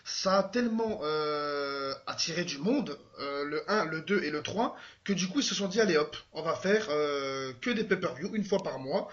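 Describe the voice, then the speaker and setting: A man's voice: a little high, animated, normal speed, few pauses, a bit bright. A man on a casual podcast, recounting history in a loose, chatty way. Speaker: podcast guest. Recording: dull lo-fi sound.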